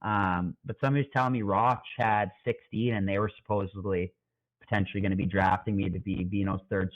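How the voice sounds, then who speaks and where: Male pro lacrosse guest, low voice, relaxed and reflective, slightly dull lo-fi sound. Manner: relaxed, reflective, trailing restarts. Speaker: professional lacrosse player, guest. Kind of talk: casual interview chat.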